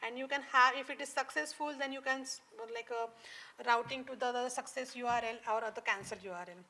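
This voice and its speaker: High, bright-voiced woman explaining code. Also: steady tone. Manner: halting, many fillers, non-native phrasing. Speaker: conference speaker. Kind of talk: live tech talk on stage. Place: conference stage.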